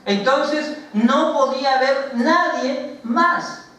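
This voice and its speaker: A man with a Mexican accent preaching a sermon as pastor, talking slowly with many fillers and rhetorical questions to the congregation. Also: very high voice, pushed and bright. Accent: Mexican Spanish. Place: church sanctuary. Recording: very echoey church, voice from far off the mic.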